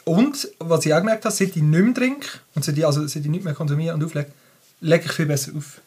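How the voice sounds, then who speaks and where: A man's voice: a little high, fast, darkish tone, husky. Frank, laid-back Swiss German man. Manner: frank, laid-back, open about personal struggles. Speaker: podcast guest, DJ. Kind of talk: casual podcast chat.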